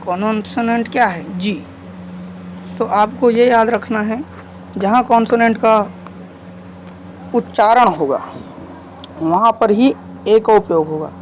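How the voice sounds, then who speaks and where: A man's voice: high voice, slow, pauses often, slight background noise, poor audio. A man teaching English grammar, asking questions and answering them himself, and spelling words out letter by letter. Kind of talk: explaining a grammar lesson.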